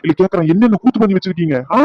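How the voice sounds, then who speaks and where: Guy doing an angry cartoon husband yelling, super fast, kinda muffled lo-fi sound. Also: sits high, no echo, lightly acted. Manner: shouting, accusing. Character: angry young husband storming home. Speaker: cartoon character.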